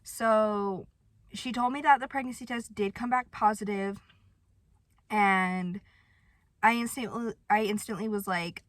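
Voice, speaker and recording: A woman's voice: mid-range voice, measured pace, dry recording. A young woman chatting casually to her viewers, telling a personal story with lots of "like" and some self-mockery. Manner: chatty, sprinkled with "like", self-mocking. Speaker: vlogger.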